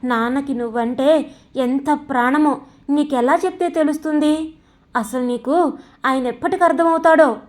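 A woman voicing a gentle, worried middle-aged mother who pleads with and scolds her son in a storybook reading. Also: high voice, normal speed, pauses often, lightly acted. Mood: pleading. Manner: pleading, sorrowful, admonishing.

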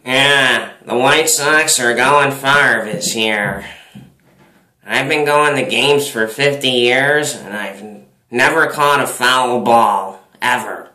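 A man voicing a loud older baseball fan who sounds drunk, rambling slowly and repeating himself. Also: mid-range voice, roomy sound, low-quality recording. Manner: rambling, repetitive, drawn-out talk.

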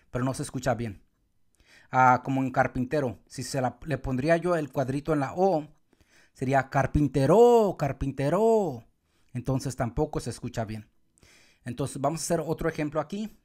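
A man teaching Spanish accent rules step by step, sometimes calling out words loudly to show where the stress falls. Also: medium pitch. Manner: calls out words loudly to show the stressed syllable, counts syllables slowly. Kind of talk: explaining accent marks step by step.

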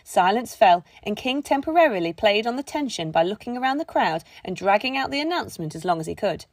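A woman narrating a children's book in an expressive storytelling manner. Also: mid-range voice, brisk, dry recording. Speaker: audiobook narrator. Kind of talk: scripted narration.

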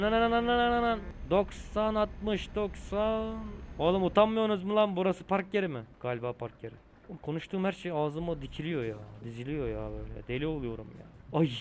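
A man's voice: on the high side, slight background noise. Chatty young man gaming and joking. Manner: chatty, swears, talks to viewers while driving. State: tired and hot. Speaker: gaming streamer. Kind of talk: casual gameplay commentary.

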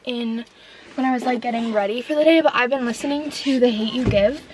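A woman vlogger chats casually to the camera in a day-in-my-life video, bubbly and filling her speech with "like" and "um." Her voice is a little high and a little fast, and there's noise in the background.

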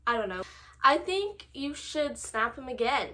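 A young woman in casual chat, reading messages aloud and giving advice in a halting, informal way. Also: sits high, very animated, pushed and bright. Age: young adult. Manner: halting, informal, filler-heavy. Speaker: co-host reading viewer confessions and giving advice. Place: small room at home, indoors.

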